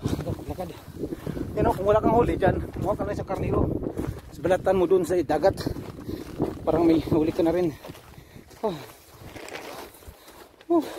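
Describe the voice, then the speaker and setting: A man's voice: high voice, normal speed, pauses often, very noisy. A man vlogging casually on a rocky seashore, panting and effortful as he climbs, recorded on a handheld camera. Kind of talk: casual vlog narration.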